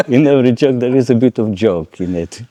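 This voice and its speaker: An older man, a violin teacher talking in a measured way, pausing to search for words and making dry jokes. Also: mid-range voice, expressive, dark tone, no room sound, highs cut off. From Lithuania. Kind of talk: conversational interview.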